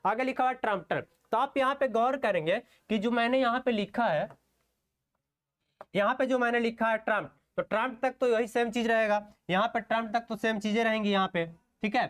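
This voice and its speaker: A man's voice: very high voice, fairly bright tone. A man teaching an online shorthand class, walking through strokes step by step, often asking rhetorical questions and checking in with "okay". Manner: slow, step-by-step explanation while writing strokes.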